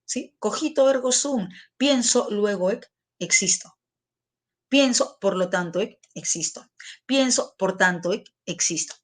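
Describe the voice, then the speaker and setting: A woman's voice: mid-range voice, a little slow. A middle-aged woman teacher giving a classroom lesson, repeating key terms and putting questions to her students.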